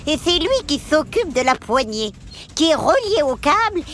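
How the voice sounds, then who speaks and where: A woman's voice: sits high, noisy background. A woman voicing a cheerful, giggly female elf who tells stories to children, exclaiming often and hesitating with many fillers. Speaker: children's storyteller. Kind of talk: children's story narration.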